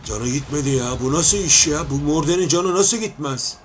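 A man giving live gameplay commentary, talking to viewers as friends and taunting opponents with playful shouts. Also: a little high, normal speed, noisy background.

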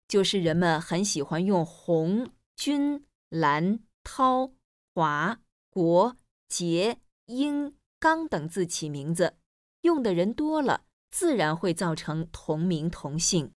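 Lively-voiced woman explaining as teacher. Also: on the low side, no room sound, studio quality. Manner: clear, measured explanation. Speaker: teacher in a scripted textbook dialogue. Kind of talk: scripted listening-exercise dialogue.

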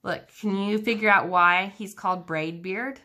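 A woman's voice: medium pitch, moderate pace, sharp tone. A woman teacher reading a children's book aloud, engaging her young listeners with questions about the pictures.

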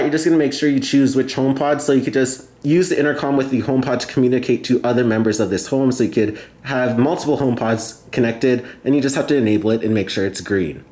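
Seated at a table indoors, a man hosts a tech video and guides viewers through a hands-on tutorial one step at a time, often saying things twice. His voice is mid-range and a little mellow, and the room gives the audio an echoey, spacious quality.

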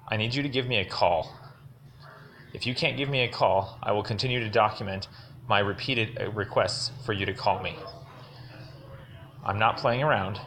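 A man's voice: fairly low pitch, sharp tone, a little hiss or hum. A man leaving a firm, insistent voicemail as a caller, pressing for a call back. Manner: firm, insistent, repeats demands.

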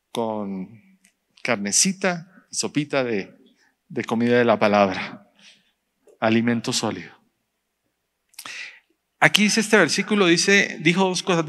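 A man, a pastor preaching a sermon in church, speaking directly to the congregation and slowing down to stress his points. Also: fairly high pitch, pushed and bright. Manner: direct, addresses the congregation, rising emphasis and slow stressed phrases.

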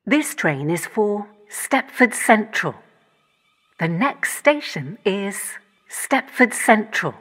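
A woman's recorded train announcements, with words spliced together from separate recordings so the pitch and pace jump between phrases. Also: very animated, takes it slowly, fairly bright tone, slightly rough. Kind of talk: automated onboard announcements.

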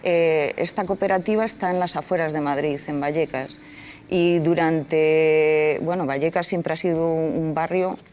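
An environmental activist in her forties from Castilla-La Mancha, Spain, is interviewed in a TV studio from a leather armchair, explaining earnestly with plenty of fillers. She talks low and steady at a measured pace, slightly mellow, with slight background noise.

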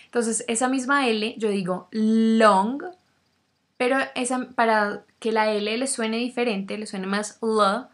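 Slow, clear woman teaching pronunciation. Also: a little high, fairly even intonation, fairly bright tone. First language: Spanish. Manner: slow, demonstrative, repeats sounds. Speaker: English teacher. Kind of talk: pronunciation lesson.

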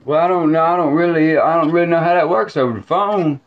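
A man's voice: on the high side, fast talker. A man from Alabama with a Southern accent, joking in a folksy, drawling way on a casual video chat. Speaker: live stream host. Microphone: headphones with mic. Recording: muffled lo-fi stream audio.

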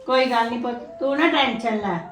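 A soothing middle-aged mother who scolds her son and calms her daughter-in-law, as a woman acts her out. She speaks in a high voice and keeps repeating her reassurances. The room gives the voice a strong echo. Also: a little fast, crowd noise, close to an everyday voice. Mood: scolding. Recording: echoey room.

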